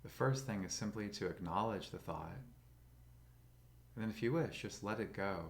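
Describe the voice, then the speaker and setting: A man leading a guided meditation, speaking slowly and gently in a soothing way. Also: lowish voice, vocal fry.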